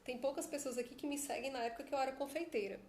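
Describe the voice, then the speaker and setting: A Brazilian woman coaches her followers in a casual phone live stream, chatting away and often tacking on tag questions in her Brazilian Portuguese accent. Her high, steady voice is very fast and a little mellow, and the room is echoey.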